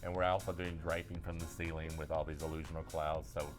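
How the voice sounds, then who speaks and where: Folksy man, low voice, casual guest florist who repeats himself, music behind. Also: level tone, fast talker. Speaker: florist guest demonstrating arrangements. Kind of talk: casual chat and demonstration.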